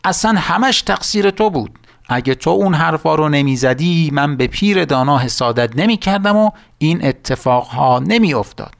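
A man's voice: fairly high pitch, lively intonation, vocal fry. A man voicing a bitter, jealous evil sorcerer in a storybook tale, talking in a raised, angry, whiny voice.

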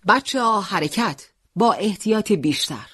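A brave militia commander, a grown man who keeps his head and gives brisk, firm orders, voiced by the narrator of an audio story. His voice sits in the middle of its range and sounds dry and close to the mic. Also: mid-range voice, lively intonation, bright, forceful tone, husky, no room sound, voice pushed up. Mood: commanding. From Tabriz, Iran. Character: brave adult male militia leader, calm and commanding. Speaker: squad leader.

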